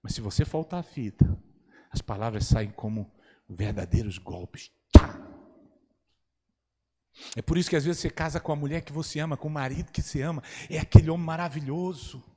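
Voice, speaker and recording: A man preaching a sermon as pastor, animated and rising to loud exclamations, in a church hall. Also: fairly high pitch, fairly quick, long pauses, husky. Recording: long church hall reverb.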